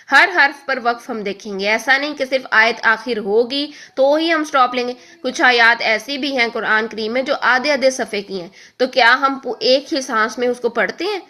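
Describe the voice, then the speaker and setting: A woman teaching a recorded lesson on reading the Quran, explaining patiently and often checking in with the listener. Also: a little high. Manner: draws out example syllables slowly and loudly.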